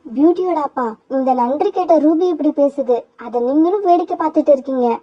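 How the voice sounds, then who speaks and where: A woman's voice: sits high, a little fast, natural voice. A woman voicing a heartbroken mother sparrow who pleads with her husband in a grieving tone in a cartoon. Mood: pleading. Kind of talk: cartoon voice acting. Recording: dull lo-fi sound.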